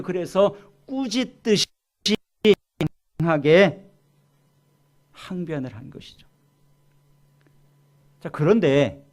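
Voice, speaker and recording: A man preaching a sermon as pastor. He swings from loud, emphatic lines to low, quiet asides, slows down to stress key words, and asks the congregation questions. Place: church sanctuary.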